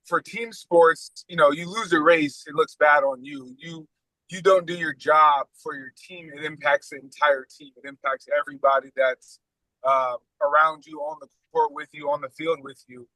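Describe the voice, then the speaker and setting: A man's voice: a little high, bright, forceful tone, no echo, poor audio. A young adult man, a coach, calling into a group chat from his car while driving, earnest and thinking aloud with some fillers. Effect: talking over a call from a car. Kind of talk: casual group chat on a call.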